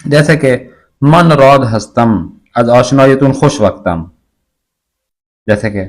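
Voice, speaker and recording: A man teaching a language lesson, reading phrases aloud and explaining each one slowly. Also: medium pitch.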